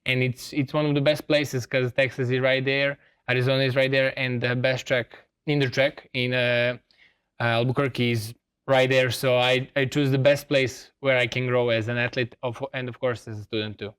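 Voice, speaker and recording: Young Serbian man, non-native English, smooth clear voice, earnest and halting, studio guest. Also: mid-range voice, flat delivery, a bit bright. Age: young adult. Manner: earnest, with many hesitations. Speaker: student athlete guest. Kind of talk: studio interview answers. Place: TV studio set.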